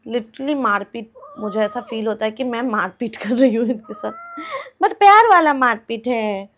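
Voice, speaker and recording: A woman's voice: a little high, lively intonation, normal speed, a little hiss or hum. A young woman vlogging at home, cooing at her cats and playfully scolding them while chatting to viewers. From India. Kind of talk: casual vlog talk to pet cats and viewers.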